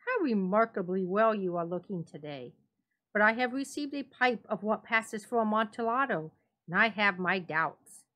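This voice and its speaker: Woman as a falsely friendly, coaxing gentleman. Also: mid-range voice, lively intonation, moderate pace. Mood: falsely cordial. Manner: polite, coaxing. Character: falsely friendly, vengeful gentleman feigning concern. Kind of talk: dramatic storybook reading.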